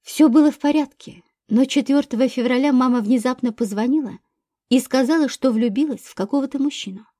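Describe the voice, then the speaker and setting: A woman reading a grown son under police questioning, giving calm, measured answers in her own voice. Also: high-pitched, no echo, clean studio sound. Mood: restrained.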